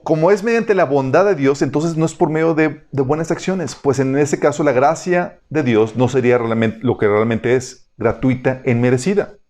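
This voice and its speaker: A man's voice: medium pitch, a little mellow. A man teaching a Bible study in a conversational way, reading passages aloud and often checking that his listeners follow.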